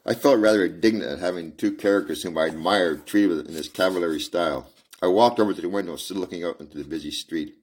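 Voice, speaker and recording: A man's voice: deep voice, fast. A man reading a classic detective story aloud with casual, chatty asides. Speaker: reader. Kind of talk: casual read-aloud with commentary.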